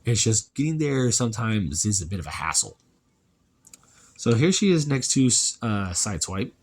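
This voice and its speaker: A man casually reviewing a toy, chatty and relaxed, thinking aloud as he handles it. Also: lowish voice, moderate pace.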